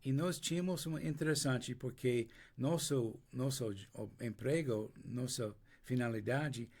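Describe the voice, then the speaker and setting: An older American man, a native English speaker, tells his story in Portuguese with an American accent as an interview guest. He speaks slowly, restarting often and pausing to search for words. His voice is medium-pitched with a darkish tone.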